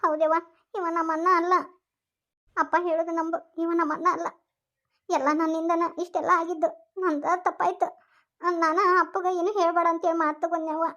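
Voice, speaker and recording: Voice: very high-pitched, flat delivery, fairly quick, long pauses, pushed and bright, dull audio, exaggerated voice. Someone voicing a hesitant young village daughter. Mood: remorseful. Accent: North Karnataka Kannada. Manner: hesitant, apologetic.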